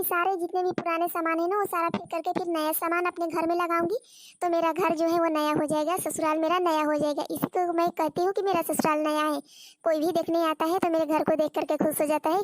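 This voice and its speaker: A scatterbrained young daughter-in-law from a cartoon story, insisting on her own way and explaining at length, as a woman voices her. Her voice is very high and squeaky. It is recorded dry and close. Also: fairly even intonation, fairly quick, dry recording. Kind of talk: Hindi cartoon story voice acting.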